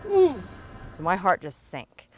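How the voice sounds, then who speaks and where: A mother being interviewed, recounting what happened slowly and deliberately. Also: lowish voice, wildly swooping pitch. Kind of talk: casual interview.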